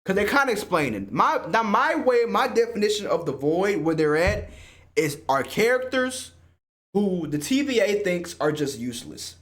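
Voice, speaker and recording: A man hosting a casual spoiler review of a film, excitable and slangy, swearing freely and often laughing. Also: sits high, moderate pace. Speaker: movie reviewer and host.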